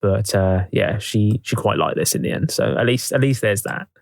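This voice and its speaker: A man's voice: on the low side, expressive, normal speed, creaky, no echo, studio quality. A young man co-hosting a podcast, chatting and reading out film facts and quotes, laughing often. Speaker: podcast co-host. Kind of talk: casual chat, reading film history.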